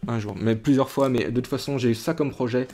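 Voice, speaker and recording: With a warm tone and a steady, brisk delivery, this mid-range male voice belongs to a young Frenchman opening trading cards. He chats casually to viewers, rambling, restarting and filling gaps as he goes.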